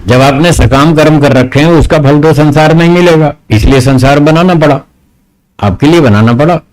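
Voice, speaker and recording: A man's voice: a little high, moderate pace, darkish tone, rough recording. A man, a spiritual teacher answering audience questions, explaining step by step with rhetorical questions and firm corrections.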